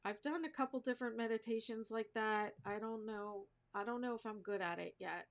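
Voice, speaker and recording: A woman hosting a crochet livestream chats informally with viewers while crafting, her fairly high voice fairly quick. She rambles, thinks out loud, and pokes fun at herself.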